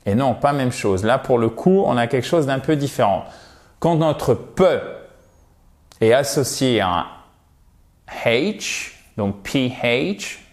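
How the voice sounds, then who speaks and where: A man whose first language is French, teaching English pronunciation and slowly repeating each word as a drill. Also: medium pitch, lively intonation. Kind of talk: pronunciation lesson.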